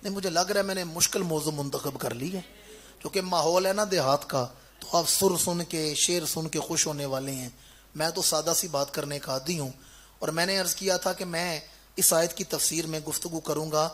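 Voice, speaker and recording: A man preaching a sermon to a village gathering, putting questions to his listeners and answering them himself, moving between loud declaiming and quiet explanation. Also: a little high, fairly even intonation, breathy edge. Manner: orator who quizzes the crowd and answers himself. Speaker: Islamic preacher. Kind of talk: Urdu sermon.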